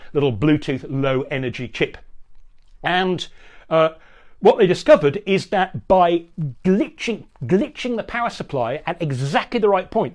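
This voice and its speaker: Male host, slightly higher voice, chatty tech explainer who rambles and restarts. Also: a little mellow.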